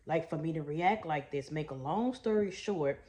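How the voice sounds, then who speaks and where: A woman's voice: sits low, normal speed, warm tone. A middle-aged woman from Texas, a trauma coach, chatting folksy to her viewers in a story-time vlog and calling them y'all and baby. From Houston, Texas.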